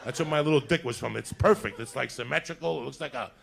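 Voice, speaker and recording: A man from New City, telling a crude, animated story and laughing through it. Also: medium pitch, quick pace, creaky, slight background noise. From New York City. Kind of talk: profane comedic storytelling.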